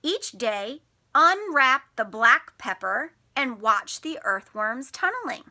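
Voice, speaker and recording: For a picture-book read-aloud to young children, a woman teacher speaks slowly in a high voice with big pitch swings and a sharp tone. She explains simply, stresses key words with expression, and asks the children questions.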